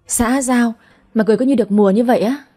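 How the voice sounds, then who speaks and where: A woman's voice: a little high, fast talker, dark tone, lightly acted. A woman voicing a cold, jealous young husband who speaks curtly and scolds. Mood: stern.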